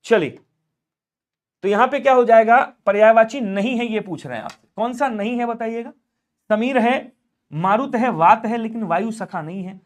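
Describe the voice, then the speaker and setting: High-voiced man drilling a Hindi class. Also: moderate pace. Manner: drills students with call-and-response questions. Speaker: Hindi teacher. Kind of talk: online exam-prep class.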